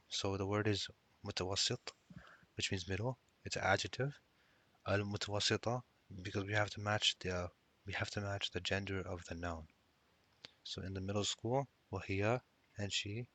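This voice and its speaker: A man with a fairly low pitch and a sharp tone teaches Arabic from a textbook. He reads each line, translates it, and explains the grammar patiently, frequently starting his words over.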